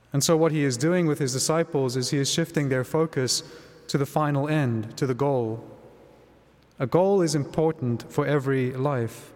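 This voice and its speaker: A male priest speaks at Mass in a medium-pitched voice. His delivery is measured and reflective, suited to scripture and homily. Every phrase carries a long cathedral echo from the large church around him. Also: darkish tone. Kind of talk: liturgical Gospel reading and homily.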